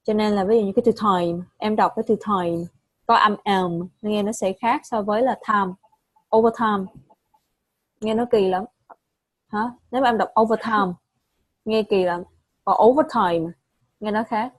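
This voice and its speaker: A woman's voice: mid-range voice, steady tone, dry recording. Vietnamese-accented woman teacher, patient drills, dry close sound. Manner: patient, repeats and corrects, models English words slowly. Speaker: English pronunciation teacher. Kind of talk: online pronunciation lesson.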